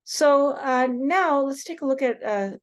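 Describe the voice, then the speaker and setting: A woman from Seattle with a US West Coast accent, giving a relaxed recorded lecture with many fillers and slowing down on example words. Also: high-pitched. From Seattle, Washington State, US West Coast. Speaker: teacher.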